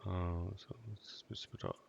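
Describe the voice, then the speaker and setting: Deep gravelly man muttering through a game. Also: measured pace, dull audio. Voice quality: monotone. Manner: muttering to himself, repeating words. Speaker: gamer doing a let's play. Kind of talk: casual game commentary. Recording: noisy home gameplay recording. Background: loud game ambience and vehicle sounds.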